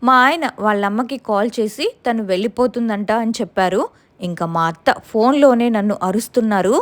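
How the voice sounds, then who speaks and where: A woman's voice: mid-range voice, a little fast. A young woman with a Telugu accent telling a first-person ghost story in an earnest, tense way.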